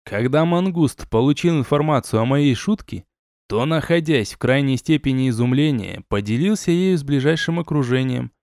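A man's voice: medium pitch, expressive, normal speed, a little mellow, no room sound. A male audiobook narrator telling a fantasy tale in the first person, wry and chatty, with a mid-range voice. The recording is close and dry, with no room sound.

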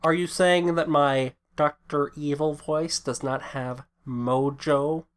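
A man's voice: on the high side, steady tone, slow, smooth. A man co-hosting a podcast, chatting casually about a film in a rambling way, with frequent restarts. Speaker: podcast co-host.

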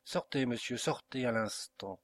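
A man's voice: mid-range voice, unhurried, natural voice. A man voicing a frightened but defiant young woman in an audiobook, speaking with indignation and scorn. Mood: indignant. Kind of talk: audiobook character reading.

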